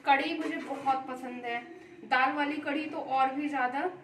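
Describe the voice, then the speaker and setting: High-voiced chatty woman vlogger. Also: steady tone, moderate pace, a bit bright, echoey room, slight background noise, poor audio. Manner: chatty, meandering and homely. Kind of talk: casual chat to camera. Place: indoors at home.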